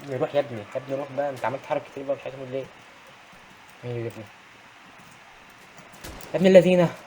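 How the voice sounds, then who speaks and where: A young man with an Egyptian Arabic accent giving excitable gameplay commentary, often shouting at enemies. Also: mid-range voice, racing, noisy background. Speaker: gaming YouTuber.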